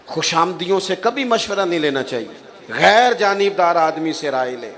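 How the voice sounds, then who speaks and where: A man delivering a religious sermon, telling stories and acting out the voices in them. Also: fairly high pitch. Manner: animated storyteller, acts out quoted voices. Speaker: Islamic preacher. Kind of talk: Urdu religious sermon with storytelling.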